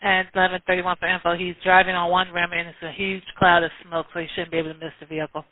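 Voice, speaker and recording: A man's voice: sits high, monotone, fast, dry recording. A man working as a police dispatcher over a police radio transmission, relaying vehicle details steadily with small hesitations. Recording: tinny dry radio channel.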